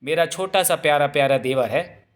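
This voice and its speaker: A woman's voice: sits low, moderate pace, close to an everyday voice. A male narrator voicing a young wife who talks in a sugary, teasing, coaxing way in a storybook reading. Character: sweet-talking scheming young wife, teasing. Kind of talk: audiobook character voice.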